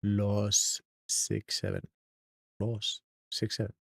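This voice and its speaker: Speaking slowly in a monotone, this Icelandic man has a low, gravelly, husky voice, recorded dry. A native speaker with an Icelandic accent, he hosts a casual live stream, reading out the chat and greeting each viewer in turn.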